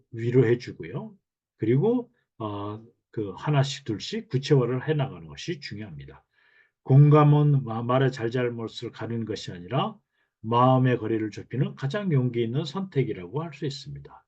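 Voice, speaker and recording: A male lecturer explains empathic communication in a deliberate, instructive way. His voice is mellow and slightly husky, with a lively rise and fall in pitch. The recording sounds dull and lo-fi. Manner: explanatory, deliberate, reading out example phrases.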